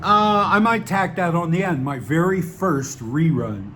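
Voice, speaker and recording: This Southern-accented man from the American South talks to his channel at a measured pace in a fairly high, sharp voice, with slight background noise. His casual monologue wanders wryly, full of fillers and restarts.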